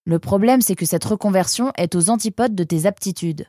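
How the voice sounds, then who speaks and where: A woman's voice: mid-range voice, brisk, dark tone, no echo, studio quality, close to an everyday voice. A woman voicing a male creature who scolds his friend in an exasperated, reproachful way, in a storybook reading.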